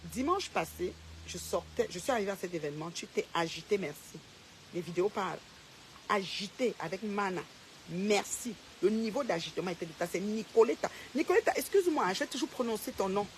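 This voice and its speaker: This social media personality delivers a confrontational direct-to-camera rant, naming her rival and repeating herself for emphasis. She speaks a little fast at medium pitch with lively intonation, and there's a faint hiss or hum.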